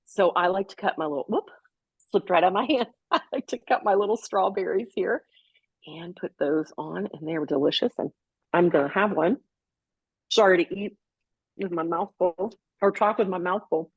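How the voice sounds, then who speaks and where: Husky woman chatting through a cooking demo. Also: lowish voice, no room sound. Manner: chatty, explains step by step while preparing food. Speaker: co-host. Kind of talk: casual cooking demo chat.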